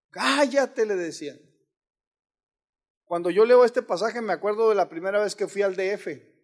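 A man preaching a sermon as pastor, swinging between rising shouts and sudden hushed asides. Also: high voice.

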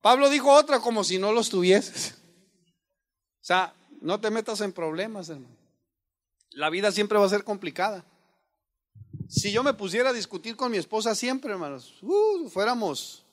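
High-voiced pastor preaching. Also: male voice, sing-song, moderate pace, long pauses. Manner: earnest, addresses listeners as brothers, rhetorical questions. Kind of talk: conversational sermon.

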